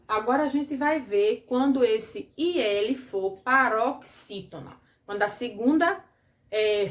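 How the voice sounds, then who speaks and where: A woman's voice: fairly high pitch, reverberant. A woman teacher with a Brazilian Portuguese accent giving a grammar lesson to children, patiently asking questions and checking that the class follows.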